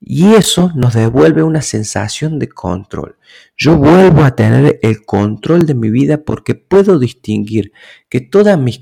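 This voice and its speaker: A man giving an explanatory talk in a measured way, often checking in with the listener through rhetorical questions. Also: mid-range voice, gravelly, darkish tone, low-quality recording.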